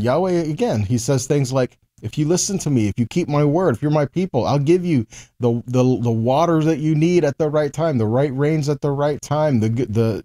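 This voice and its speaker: With a warm tone pitched a little high, a forties-aged man gives an emphatic, conversational Bible teaching to camera, reading scripture and raising rhetorical questions.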